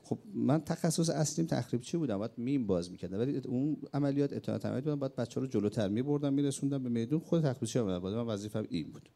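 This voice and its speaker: Middle-aged male preacher, gravelly and mellow, animated sermon that rises to emphatic questions. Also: medium pitch, few pauses. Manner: animated, rising to emphatic outbursts and questions to the audience. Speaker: preacher and war veteran. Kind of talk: religious sermon with war memories.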